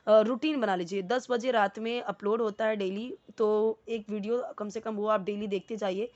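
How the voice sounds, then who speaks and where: A woman's voice: medium pitch, fairly even intonation, moderate pace, darkish tone, highs cut off. A woman teaching spoken English, explaining word by word and repeating words for practice.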